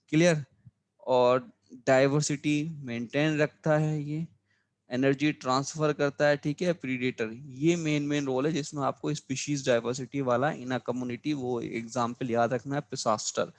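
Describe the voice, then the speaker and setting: A man teaching a biology lesson for exam preparation, going over his class notes, repeating key terms and asking students if it is clear. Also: mid-range voice. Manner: addresses students as children, frequent reminders to remember.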